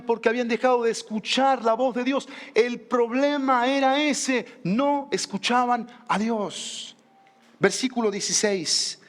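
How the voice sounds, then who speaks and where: Male pastor, high voice for a man, deliberate emphatic sermon delivery with rhetorical questions, recorded in a church with long reverb. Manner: reads scripture aloud and asks the congregation rhetorical questions. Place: church sanctuary.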